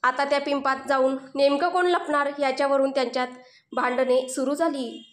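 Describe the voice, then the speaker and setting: A woman narrating a comic story in an expressive storytelling manner. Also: high voice, moderate pace. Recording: roomy echo.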